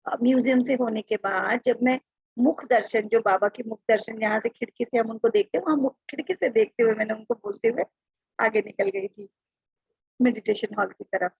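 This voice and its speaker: A woman's voice: fairly high pitch, expressive, moderate pace, gravelly, husky, no room sound, highs cut off. A woman chatting through a personal devotional testimony, often acting out what she said to others. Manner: chatty, quotes herself aloud. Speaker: devotee sharing experiences.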